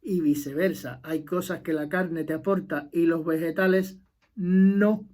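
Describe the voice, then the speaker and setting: This political commentator from Cuba, middle-aged with a Cuban Spanish accent, speaks in a slightly high, darkish voice with fairly even intonation and a somewhat slow pace. His passionate monologue hammers on repeated points, with sentence endings that fade away.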